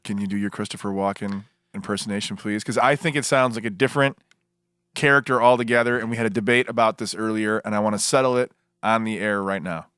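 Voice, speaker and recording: A man's voice: lowish voice, quick pace, a bit bright, clear, resonant tone, dry recording, studio quality. A man hosting a podcast who interviews his guest in a playful, teasing way. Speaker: podcast host.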